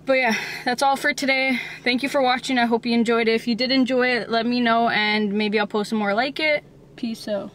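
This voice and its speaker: Her voice sits on the high side: steady, fairly quick and a bit bright, with slight background noise. This young woman in her twenties vlogs about fitness, chatting casually and a touch self-consciously to her phone camera at home. Holding it at arm's length, she films in home rooms, a gym room and a parked car.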